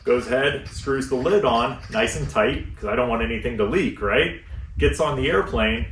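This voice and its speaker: An American man, a luggage store instructor, giving a relaxed, chatty packing seminar to a live audience in a shop. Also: medium pitch, moderate pace. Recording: echoey room, mic at a distance, faint noise.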